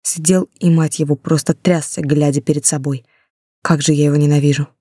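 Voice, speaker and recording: A woman's voice: low-pitched, steady tone, fairly quick, dark tone, breathy edge, dry recording, studio quality. A woman narrating a first-person audiobook with dramatic, emotional delivery.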